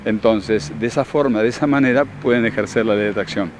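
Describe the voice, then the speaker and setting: Un hombre con acento argentino que da talleres y explica con tono seguro, didáctico y enfático. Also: male voice, on the low side, a little fast, a little hiss or hum. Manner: confident, instructive, emphatic. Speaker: workshop leader and therapist. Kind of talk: explanatory interview answers.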